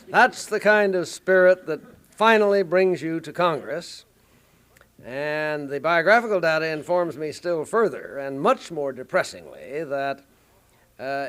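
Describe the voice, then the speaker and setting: Male MC at a roast, wry intro delivery, smooth, slightly higher voice. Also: a bit bright. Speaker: master of ceremonies. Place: banquet room at an evening dinner.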